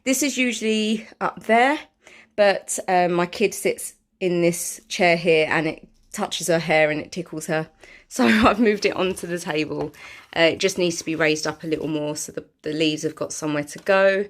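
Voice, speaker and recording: A woman's voice: on the low side, normal speed. A woman chatting casually through a home vlog, self-deprecating and full of fillers. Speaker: vlogger. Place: home, indoors.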